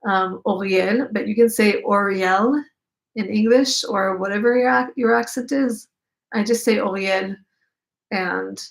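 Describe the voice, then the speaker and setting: A young woman with a creaky, mid-range voice and an Israeli accent, a native Hebrew speaker, hosts a casual live chat. She answers viewer questions in a chatty way, reading out their comments and using lots of fillers.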